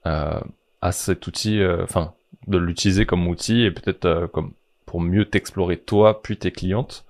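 A man hosting a podcast with a very deep voice. He asks questions in a relaxed, conversational way, often pausing on fillers. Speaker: podcast host. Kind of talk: casual podcast interview.

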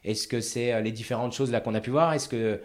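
A man's voice: medium pitch, steady tone, fairly quick. A man hosting a business interview, asking questions hesitantly and searching for his words.

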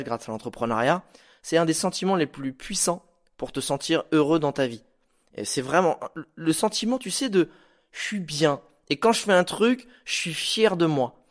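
A man hosting a podcast, giving casual motivational advice in an informal, animated way, with slang and the odd swear word. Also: on the high side. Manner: acts out stories with sound effects. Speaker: podcast host.

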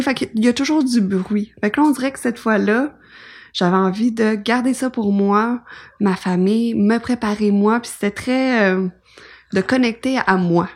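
A woman's voice: on the high side, a little slow, a little mellow. A woman in her thirties with a Québécois accent, telling her birth story in a rambling, casual way with many restarts and fillers. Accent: Québécois French. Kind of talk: casual conversation. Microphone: podcast microphone.

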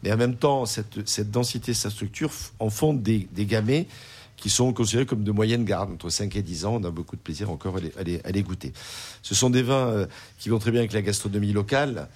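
A man with a low, somewhat husky voice talks about wine as a sommelier on the radio. He hesitates often and repeats words as he explains. His tone stays calm and informative. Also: brisk. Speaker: sommelier and restaurant owner.

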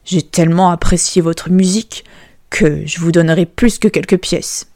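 A woman voicing a stern old king in a storybook reading, with a lowered, firm delivery. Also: normal speed, a little mellow, no room sound, studio quality, soft background music, lightly acted.

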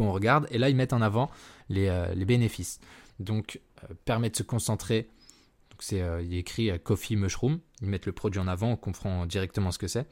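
A man with a fairly low voice talks through his podcast episode on his own. He wanders from point to point, filling gaps with hesitations and correcting himself as he goes. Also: darkish tone. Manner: rambling, many fillers and self-corrections. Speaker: podcast host. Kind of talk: casual solo marketing talk. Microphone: podcast mic.

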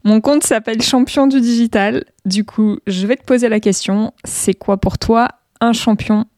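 A woman's voice: a little high, fairly even intonation, normal speed, mellow, no room sound, clean studio sound. A woman hosting an interview, chatting casually and telling personal anecdotes. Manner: conversational, tells personal anecdotes. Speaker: interviewer, account host.

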